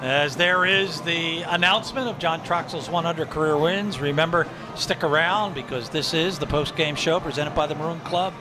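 A man's voice: a little high, normal speed, few pauses. A man calling a college football postgame show from the broadcast booth, upbeat and promotional. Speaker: play-by-play announcer. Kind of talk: sports broadcast commentary. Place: press box booth. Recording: broadcast with music bed behind.

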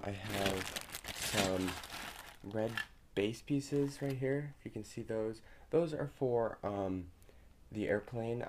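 A young man talks through a casual home vlog in a fairly low voice, upbeat and chatty, often stopping for an um. He records on a phone in a small bedroom, with a faint hiss behind him. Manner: chatty, upbeat, with frequent ums. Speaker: vlogger.

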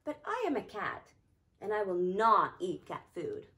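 Storybook cat, fussy and hungry, read by a woman, lively pitch. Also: unhurried. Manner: fussy, whiny complaints. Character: hungry picky male pet cat.

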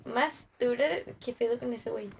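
A woman's voice: on the high side, fairly even intonation, normal speed, vocal fry, very noisy. A young woman with a Mexican Spanish accent chatting casually with viewers while she plays, slangy and profane, greeting people by name. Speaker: gaming streamer. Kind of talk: casual livestream chat while playing.

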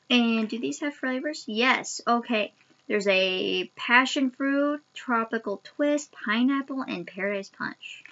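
Bright, high-voiced young woman eating sour candy. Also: dull audio. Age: young adult. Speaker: vlogger doing a candy taste challenge. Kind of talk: casual chat to camera. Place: small home room, indoors. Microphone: webcam at arm's length.

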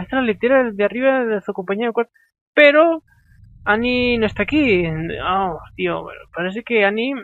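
A man commentating a video game as he plays, reading the dialogue aloud and swearing and talking to himself in an excitable, chatty way. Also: sits high, dull audio. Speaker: gameplay commentator.

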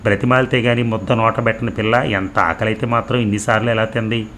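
Low-voiced male storyteller reading a novel. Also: fast talker, a little hiss or hum. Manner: steady, expressive narration.

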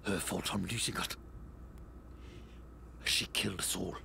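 An actor voicing a bitter, unravelling male survivor, cursing in a gravelly voice. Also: low-pitched, fairly even intonation, unhurried, sharp tone, a little hiss or hum, full character voice. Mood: raging. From South Africa. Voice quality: gravelly, curses. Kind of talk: video game voice acting.

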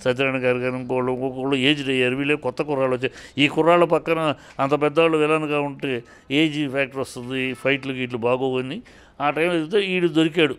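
A man's voice: mid-range voice, steady tone, quick pace, fairly bright tone, clean tone. A man giving heated spoken commentary in an interview, scolding and indignant, firing off rhetorical questions and often restarting his sentences.

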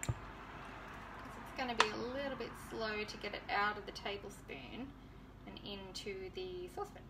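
Cooking in her home kitchen, a woman in her thirties keeps up easygoing chatter with viewers in a casual demonstration for her vlog. She speaks at a normal speed in a mid-range voice, recorded from afar against a noisy background.

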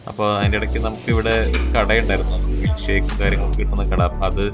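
A man's voice: fairly low pitch, little pitch movement, very fast. A man with a Malayali accent narrating a casual travel vlog, mixing English words into his Malayalam. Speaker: travel vlogger. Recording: loud music, vehicle noise behind.

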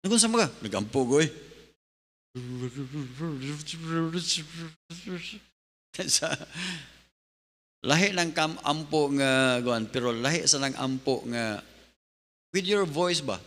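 A male pastor preaching an animated sermon, mixing in English. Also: on the high side, slow, long pauses. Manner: animated preaching, switching between Bisaya and English. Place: church hall. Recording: long hall reverb.

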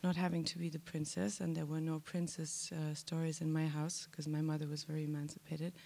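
A woman talks into a handheld mic on a large theater stage. Her voice is gravelly with a lot of fry and stays fairly flat in pitch. She speaks candidly and playfully, with a self-deprecating touch. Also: a little fast. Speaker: actress. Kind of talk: festival panel talk.

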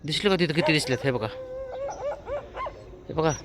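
A man's voice: a little high, normal speed, a crowd in the background. A man chatting casually to the camera as he walks his dog outdoors, calling out to the dogs around him. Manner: chatty, calls out to dogs to shoo them. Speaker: vlogger. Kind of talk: casual vlog commentary on a walk. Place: outdoors on a road. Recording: faint outdoor noise.

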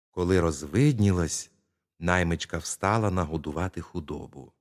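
A man narrating a bedtime fairy tale in a slow, expressive storytelling manner. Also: lowish voice.

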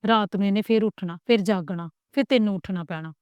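A woman voicing a doting older village grandmother who scolds tenderly and mutters low, in a storybook reading. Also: quick pace, smooth, no echo, dull audio, lightly acted. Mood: fussing, scolding.

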